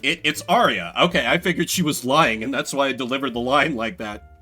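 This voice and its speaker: A man's voice: mid-range voice, a little fast, sharp tone, soft background music. A man with a slightly gunky throat, making casual, jokey asides as he plays and voices a game. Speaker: game streamer voicing the characters. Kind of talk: casual playthrough chat and reading.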